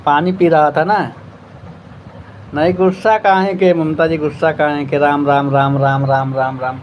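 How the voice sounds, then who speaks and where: A man's voice: on the high side, little pitch movement, unhurried, a little hiss or hum, rough recording. A man with an Awadhi accent hosting a casual live stream, chatting with viewers and thanking them by name.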